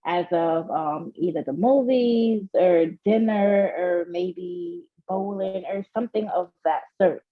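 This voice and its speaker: A woman's voice: lowish voice, slow, few pauses, phone-quality sound. A woman from Guyana, a guest on a casual chat, talking in a nervous, hesitant way with many fillers and giggles.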